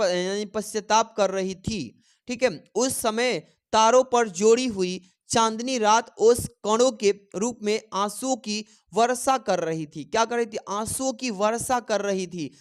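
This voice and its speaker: A man's voice: high voice, smooth. A man tutoring students for a Hindi exam. He asks a question, answers it himself and repeats the key answers so they can be written down. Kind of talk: exam-prep teaching.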